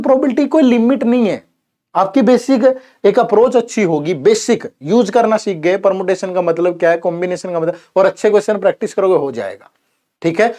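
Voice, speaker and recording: A man's voice: high voice, darkish tone. A young man teaching an exam prep lesson in casual Hindi, who keeps saying "theek hai" and "yaar". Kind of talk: informal Hindi lecture.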